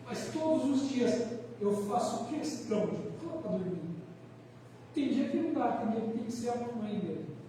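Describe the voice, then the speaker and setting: A Brazilian man preaching a sermon, telling a personal story in an earnest, animated way with changing volume. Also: very high-pitched, moderate pace. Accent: Brazilian Portuguese. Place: church hall. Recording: echoey church hall, mic far off, faint noise.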